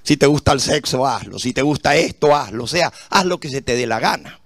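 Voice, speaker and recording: A man's voice: mid-range voice, brisk, no echo. A middle-aged man preaching a sermon, asking the congregation questions and telling stories about his own life. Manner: animated, storytelling with rhetorical questions to the congregation. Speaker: pastor.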